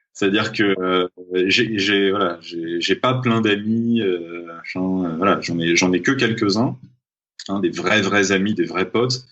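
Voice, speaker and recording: In a relaxed interview, the guest, a young freediving champion from Paris, France, speaks in a husky, deep voice. He's hesitant, with many fillers and restarts, often looping back over his words. The recording is muffled and lo-fi, as if over a remote call.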